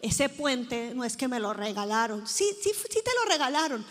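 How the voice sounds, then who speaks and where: High-voiced woman preaching in an echoey hall. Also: moderate pace. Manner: lively storytelling, acting out quoted people. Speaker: pastor. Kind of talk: sermon. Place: conference hall before a live audience.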